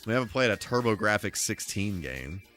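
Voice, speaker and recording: Over background music, a gamer on a live stream talks at normal speed in a lowish, somewhat bright voice with big pitch swings. His commentary is casual chat with viewers, dotted with playful exclamations and sing-song asides.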